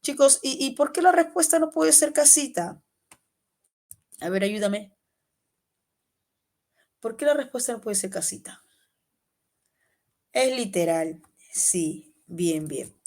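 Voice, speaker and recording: A woman with a Peruvian Spanish accent teaching an online exam-prep class, quizzing students by name in a lively way. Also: fairly high pitch, takes it slowly, pauses often. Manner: lively, calls students by name, asks and answers questions.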